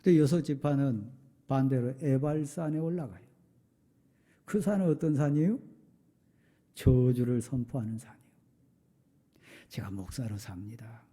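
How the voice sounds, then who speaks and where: A middle-aged male pastor preaching a sermon, firing off rhetorical questions and sometimes dropping to a soft confessional tone. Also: a little high, lively intonation, normal speed, long pauses. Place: church sanctuary.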